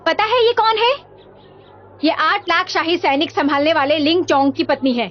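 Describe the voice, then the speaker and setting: An actress dubbing a loyal young maidservant who pleads and protests in a shrill voice. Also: female voice, moderate pace, some chatter behind. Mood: defiant. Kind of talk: Hindi film dub. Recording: dull muffled film audio with ambience.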